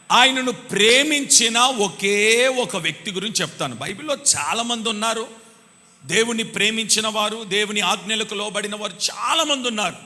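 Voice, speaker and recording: A man preaching a live sermon in a church, calling on the congregation to answer louder and repeating verse references. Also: high voice. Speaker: pastor. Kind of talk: live Sunday sermon with call-and-response. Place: church hall. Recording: long church hall reverb.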